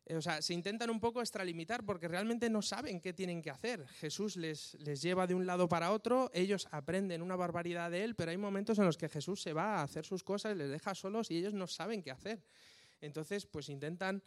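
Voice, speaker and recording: A man's voice: high-pitched, brisk. A man preaching a casual sermon, reading scripture and often checking in with his listeners.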